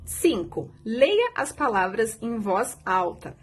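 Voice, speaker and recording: A woman's voice: a little high, sing-song, slow, slightly rough. A woman teacher patiently explaining a primary school lesson, asking the children questions. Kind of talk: recorded remote lesson.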